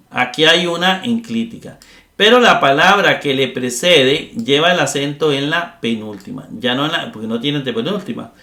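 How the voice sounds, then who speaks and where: A man with a slightly high, sharp-toned voice teaches grammar in a classroom lecture, explaining each step and frequently checking that listeners follow. The sound is roomy.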